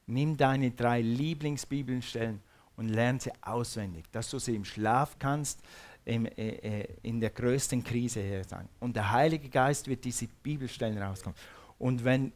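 A man's voice: mid-range voice, darkish tone. A man preaching a sermon, fervent and repetitive, calling on the congregation to repeat words after him. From Switzerland.

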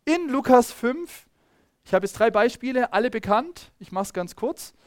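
A man preaching a sermon in a lively, conversational way, calling out to the congregation and sometimes searching his notes. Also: very high voice, normal speed, no room sound, clean studio sound. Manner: lively, calls on congregation, loses track of notes.

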